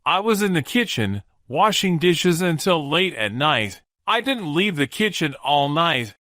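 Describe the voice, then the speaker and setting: A man's voice: a little high, big pitch swings, measured pace, sharp tone, no echo, clean studio sound, pitched above the performer's own voice, heavily acted. A man voicing a nervous male servant who speaks in a trembling voice in a storybook reading. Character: nervous young male servant, timid and shaky.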